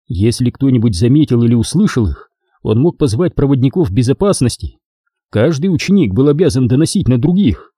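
A male audiobook narrator with a husky, mellow voice whose pitch moves lively through each sentence. The reading is measured and expressive, recorded dry and close with no room sound. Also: no echo. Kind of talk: scripted narration.

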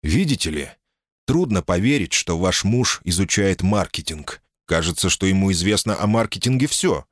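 A man's voice: sits low, lively intonation, normal speed, no room sound. A man voicing a wry, guarded man with a dry, ironic way of talking. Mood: probing. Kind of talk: audiobook character voice.

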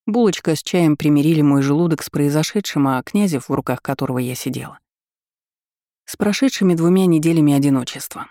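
A woman's voice: deep voice, a little fast, mellow, dry recording, clean studio sound. A woman reading a novel aloud in the first person, with a wry, ironic storytelling manner. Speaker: audiobook narrator.

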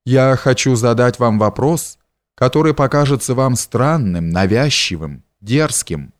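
A man reading a bold worldly gentleman. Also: mid-range voice, animated, a little slow, no room sound, clean studio sound, lightly acted. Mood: pressing. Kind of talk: audiobook character reading.

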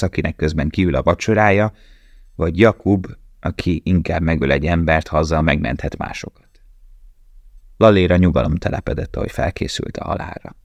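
A man reading an audiobook in a measured, grave, steady voice. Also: sits low, dry recording. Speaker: audiobook narrator. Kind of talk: scripted narration.

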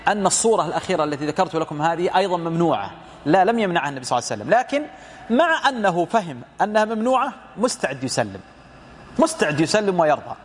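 A man's voice: high-pitched, sing-song, very fast, a little hiss or hum. A man giving a lecture commentary on hadith as a religious teacher, explaining through rhetorical questions and retold dialogue.

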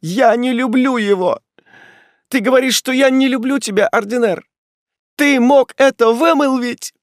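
Audiobook: male narrator doing a devoted young woman, desperate and tearful, voice pushed up high, dry studio sound. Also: normal speed, dry recording. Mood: anguished. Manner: impassioned, pleading, tearful delivery. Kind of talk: audiobook reading.

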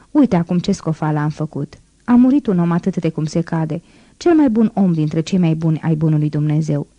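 A woman's voice: fairly low pitch, mellow, no echo. A woman voicing a frantic, grief-stricken old man who laments aloud to himself in an audiobook reading.

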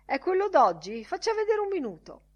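A man's voice: very high-pitched, huge pitch swings, a little fast, highs cut off, pitched above the performer's own voice, heavily acted. A woman putting on a pushy racing gambler man. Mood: pushy eager. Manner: jerky, pushy questions. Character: restless middle-aged male racing gambler, pushy.

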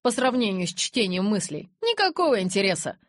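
A woman voicing a cheerful, cocky young werewolf man who talks loudly and boastfully. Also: mid-range voice, sing-song, fairly quick, dry recording, clean studio sound, close to an everyday voice. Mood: cocky, breezy. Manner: cheeky, boastful, loud.

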